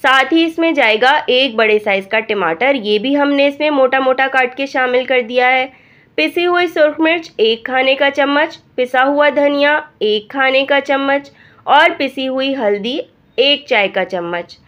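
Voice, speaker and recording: A woman with a hoarse voice from a cold, calmly talking through a recipe step by step as a cooking channel host. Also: high voice, measured pace. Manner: calm step-by-step instructing. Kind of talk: recipe voice-over narration. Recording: dull lo-fi voice-over.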